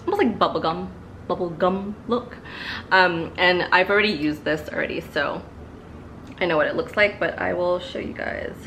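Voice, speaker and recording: Her voice is fairly low and fairly bright, with slight background noise. This young beauty vlogger in her twenties sits before the couch in her living room, a bit congested from allergies, casually talking through a makeup review with plenty of fillers and repeats.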